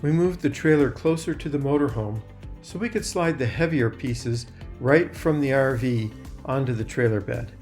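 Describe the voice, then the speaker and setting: A man's voice: mid-range voice, normal speed, darkish tone. A man reading scripted voice-over narration in a step-by-step, explanatory style. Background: guitar music.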